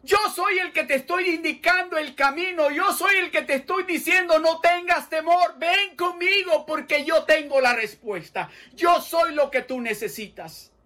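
A preacher voicing God, firm and reassuring. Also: male voice, very high-pitched, measured pace, hardly any pauses, pushed and bright, pitched above the performer's own voice, exaggerated voice. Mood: commanding. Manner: firm, emphatic declarations. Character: commanding, reassuring voice of God speaking.

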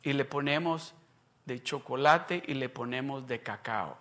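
A man preaching a sermon, telling a story with lively acted-out dialogue and sudden loud emphasis. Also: medium pitch, a little slow. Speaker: pastor.

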